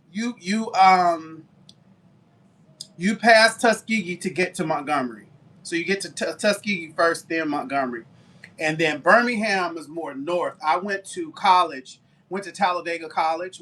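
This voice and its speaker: Bright-voiced Southern man chatting live. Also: on the high side. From Alabama, US. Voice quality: talkative, warm down-home manner. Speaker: baker and live-stream seller. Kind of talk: casual chat with live viewers.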